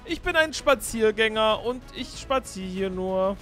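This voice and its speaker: A young man narrating a game role-play to his viewers with excitable, surprised exclamations. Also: high-pitched, measured pace, faint music behind. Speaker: YouTuber playing through a Minecraft role-play.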